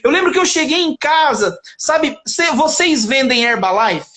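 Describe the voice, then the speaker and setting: A man with a notably high voice shares his faith testimony as a guest in a live chat. He tells it with animation, acting out each exchange and breaking into laughter along the way. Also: moderate pace. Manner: animated storyteller who acts out dialogue and laughs often.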